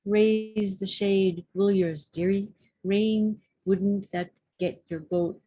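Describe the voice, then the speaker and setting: A woman's voice: medium pitch, fairly even intonation, slow pace, warm tone. A woman reading aloud as a chatty, homely woman who calls her friend dearie in a gossipy, coaxing way.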